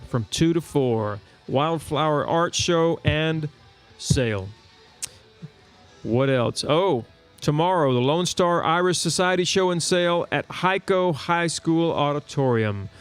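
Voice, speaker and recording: A man co-hosting a casual live talk show from a bar, reading out local events with relaxed fillers. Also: fairly high pitch. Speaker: show co-host. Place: bar and grill.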